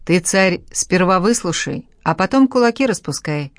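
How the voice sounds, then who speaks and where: A woman reading the lines of a bold, unflappable male master blacksmith in an audiobook, calm and cheekily confident. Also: lowish voice, normal speed, no room sound, clean studio sound, lightly acted.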